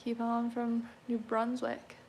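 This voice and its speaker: Woman, twenties, car restorer reading chat aloud; easygoing, chatty, quick to laugh. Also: fairly high pitch, completely flat delivery, darkish tone, a little hiss or hum. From Canada. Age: 20s. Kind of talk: casual livestream Q&A reading chat.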